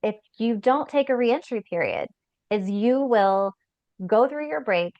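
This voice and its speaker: A woman career coach giving advice in an interview, animated and chatty, peppering her talk with "like.". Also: fairly high pitch, measured pace, no room sound, highs cut off. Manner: animated, acts out anxious inner voices, frequent "like". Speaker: career break coach, guest.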